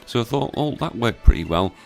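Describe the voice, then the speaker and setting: A man's voice: medium pitch, big pitch swings, a little fast. A young British man giving casual game battle commentary, keeping his voice down and subdued at night. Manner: subdued, hushed voice kept down at night. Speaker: gaming content creator. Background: clear background music.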